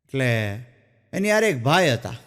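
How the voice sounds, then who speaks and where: A man, a stand-up comedian telling folksy joke stories and dropping his voice low when he quotes people. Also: very animated, moderate pace, fairly bright tone, big-room sound. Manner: folksy storytelling, drops low for quoted characters.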